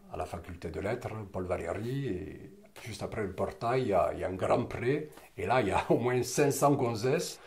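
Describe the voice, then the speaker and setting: A man in his fifties from French Catalonia, telling stories about his youth in a lively way, with frequent hesitations and laughter. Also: deep voice, gravelly, slight background noise. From French Catalonia, southern France. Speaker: interviewee. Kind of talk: personal reminiscing in conversation.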